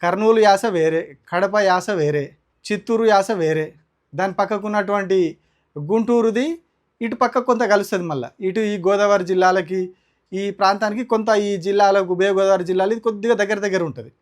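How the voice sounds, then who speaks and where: A man's voice: high-pitched, normal speed. A man from Telangana speaking with a Telangana Telugu accent, delivering heated, combative opinion commentary as a political commentator. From Telangana, India. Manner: indignant, combative, rhetorical.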